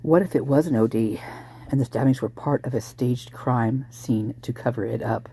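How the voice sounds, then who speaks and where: A hoarse true crime commentator speculating casually and thinking aloud, breaking into exclamations at sudden ideas. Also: medium pitch, normal speed, warm tone, a little hiss or hum.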